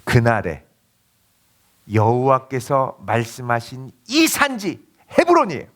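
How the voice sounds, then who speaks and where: Animated Korean pastor preaching. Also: male voice, medium pitch, a little slow. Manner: animated storytelling, acting out quoted voices. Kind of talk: sermon.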